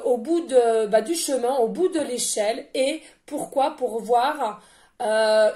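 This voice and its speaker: A woman giving a casual tarot card reading in a loud, carrying voice, chatty, laughing often and filling pauses with hesitations. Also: sits high. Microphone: no microphone, picked up by the device directly.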